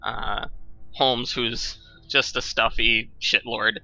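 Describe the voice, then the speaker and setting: A man's voice: medium pitch, level tone, slow, vocal fry, pushed and bright, faint music behind, rough recording. A young adult man doing sarcastic, ranting, profane gaming commentary. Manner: ranting, sarcastic, laughs often. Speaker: let's play commentator.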